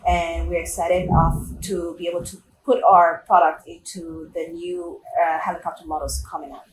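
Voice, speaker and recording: Low-voiced woman CEO, echoey room. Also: flat delivery, normal speed. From Puerto Rico. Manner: earnest, businesslike explaining. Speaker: company CEO, interview guest. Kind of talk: recorded interview. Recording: echoey room, distant mic, background noise.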